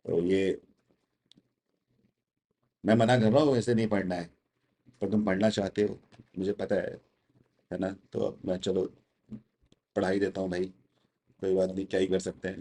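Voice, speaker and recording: A man's voice: deep voice, warm tone. A young man with an Indian accent, teaching test prep in a chatty, teasing way on a casual livestream. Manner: chatty, teasing, mixes Hindi and English.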